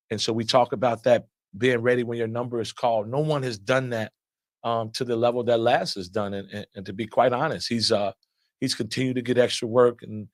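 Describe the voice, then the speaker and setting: This dry recording captures an assistant basketball coach at a press conference, speaking loudly in a mid-range voice. He comes across as earnest and steady, often restarting and repeating words while he works out his answers.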